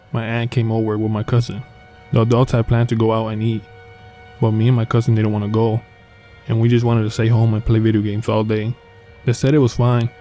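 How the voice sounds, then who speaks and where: A man narrating true horror stories in a calm, even storytelling manner. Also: mid-range voice. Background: faint background music.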